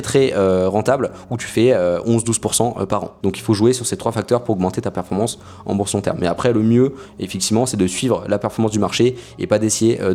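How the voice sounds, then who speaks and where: Fast-talking man, lower voice. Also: darkish tone. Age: young adult. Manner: frequent hesitations with many "euh" fillers. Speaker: finance YouTuber. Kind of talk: casual explanatory talk to camera.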